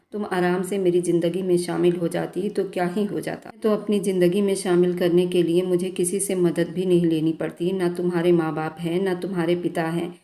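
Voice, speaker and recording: Woman doing a cruel possessive young guy, low flat menacing voice, echoey room. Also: vocal fry. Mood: mocking. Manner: menacing, mocking, flat delivery. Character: cruel, possessive young man, a vengeful boss. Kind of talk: storybook narration. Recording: roomy echo.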